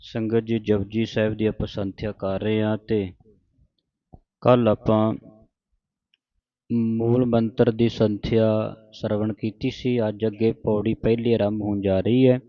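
A man with a Punjabi accent teaching correct pronunciation of scripture, reciting verses slowly and then correcting each word. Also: on the low side, flat delivery, no room sound, muffled recording. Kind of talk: slow recitation lesson.

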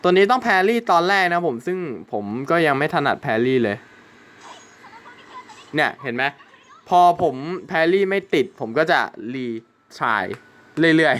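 A man's voice: on the high side, expressive, moderate pace, fairly bright tone, clean tone. A young man hosting his gaming channel, chatting casually through gameplay and swearing and exclaiming at the game.

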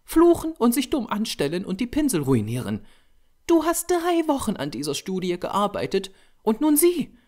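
A man's voice: wildly swooping pitch, moderate pace, darkish tone. A man voicing a young female artist's model who scolds and teases in a raised voice. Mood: scolding. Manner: high, scolding and teasing.

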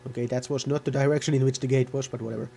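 A man's voice: mid-range voice, fairly even intonation, very fast, creaky, warm tone, soft background music. A man giving casual, rambling gameplay commentary, often correcting himself mid-sentence. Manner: rambling, self-correcting, offhand. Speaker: gaming video host.

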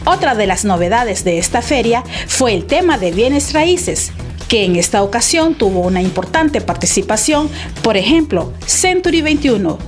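A woman narrating a TV news report in an even reporter's delivery. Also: a little high, moderate pace, faint music behind.

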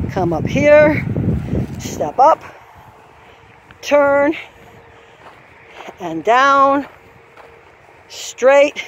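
A woman walking an outdoor farm trail course, calling out steps and the trot rhythm as she explains each obstacle. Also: on the high side. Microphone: handheld camera while walking. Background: faint outdoor farm ambience.

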